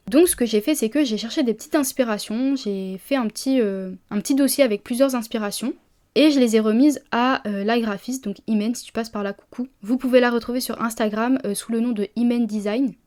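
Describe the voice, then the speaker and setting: A chatty woman talks straight to her listeners in a casual solo podcast. Her voice sits a touch high, and she often stops and restarts her sentences with lots of fillers. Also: brisk, a little mellow. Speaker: publisher and podcast host.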